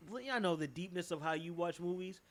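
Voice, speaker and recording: A young man with a Boston accent co-hosting a podcast in casual chat, animated and profane, jumping from topic to topic. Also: sits high, quick pace, crowd noise. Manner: animated, swearing, jumps from topic to topic. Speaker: podcast co-host.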